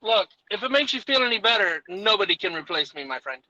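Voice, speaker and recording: A man joking on a casual podcast chat while travelling, his voice thin and tinny with no bass, as if in a tin can far away. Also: big pitch swings, brisk, bright, forceful tone, no room sound. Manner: joking, teasing, laughs often. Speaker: podcast co-host. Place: on the way back to a hotel.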